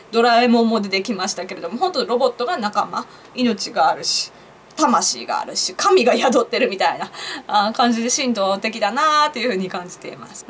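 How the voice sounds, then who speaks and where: Young woman vlogging solo, chatty and giggly, pitch jumps around a lot, a bit high, faint hiss behind. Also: fairly bright tone. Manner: chatty, laughs at her own jokes, asks viewers questions. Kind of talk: casual solo commentary to camera.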